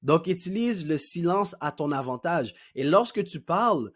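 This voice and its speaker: A young man with a Québécois French accent, coaching viewers on how to speak well. He talks in an animated, slangy way and acts out his own examples. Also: fairly high pitch, no room sound, clean studio sound. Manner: animated, slangy, demonstrates voices and pauses. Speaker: self-improvement coach. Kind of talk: talking-head tutorial.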